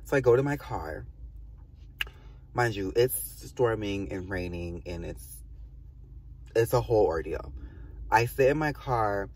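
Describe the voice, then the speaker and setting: Guy rambling a storytime, cussing a lot, husky voice, sounds kinda far from the mic. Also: lowish voice, animated, unhurried, long pauses, darkish tone. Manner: rambling and profane, with many fillers and asides. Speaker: vlogger. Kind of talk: casual storytime monologue.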